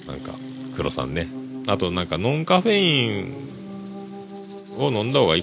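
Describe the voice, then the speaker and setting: A man's voice: low voice, vocal fry. A man hosting a casual solo podcast, easygoing and chuckling, full of fillers. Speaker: podcast host. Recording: dull lo-fi recording. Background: music playing underneath.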